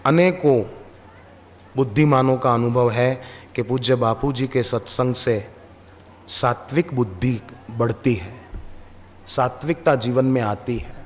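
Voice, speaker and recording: A man's voice: mid-range voice, a little hiss or hum. Preacher man in an echoing hall. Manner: slow, emphatic, with rhetorical questions and stories. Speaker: spiritual preacher. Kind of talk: devotional sermon.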